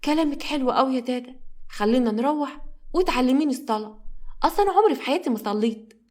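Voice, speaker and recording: A woman doing a high pleading young Egyptian girl. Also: lively intonation, fast talker, a little mellow. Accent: Egyptian Arabic. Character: young girl, spoiled thief, then remorseful.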